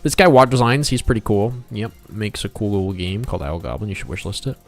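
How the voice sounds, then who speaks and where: Speaking quickly in a lowish voice over soft background music, a man runs a relaxed game dev livestream. He draws while chatting playfully to himself and his audience, rambling and reading viewer comments aloud.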